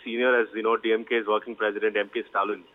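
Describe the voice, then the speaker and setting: A man's voice: fairly low pitch, flat delivery, very fast. An Indian-accented man arguing as a panelist, insistent and emphatic, repeating his points for stress. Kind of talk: argumentative panel commentary. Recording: tinny, phone-like band-limited line.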